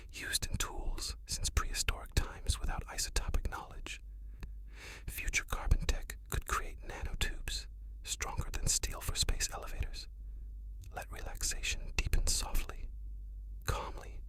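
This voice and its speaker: Soft, bright spa-like ASMR whisper. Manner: soft, gentle, slow guided-relaxation whisper. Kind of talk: whispered ASMR science narration for sleep.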